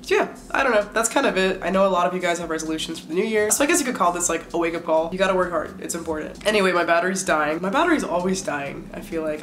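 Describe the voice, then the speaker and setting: Congested young woman vlogging from bed. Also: lowish voice. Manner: chatty, laughs often, rambling. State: congested from a cold. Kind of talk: casual vlog talk. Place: at home, in bed.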